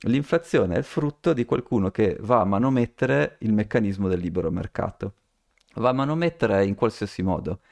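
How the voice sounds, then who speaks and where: A man's voice: lowish voice, lively intonation, brisk, creaky, darkish tone. A man co-hosting a podcast, telling a story in casual chat, rambling with many restarts and fillers. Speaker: podcast co-host.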